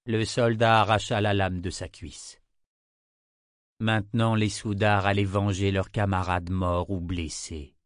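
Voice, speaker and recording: A man with a fairly low voice reads a fantasy audiobook in a steady, measured tone. The sound is dry and close, with no room around it. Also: clean tone, dry recording. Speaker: narrator. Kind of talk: audiobook narration.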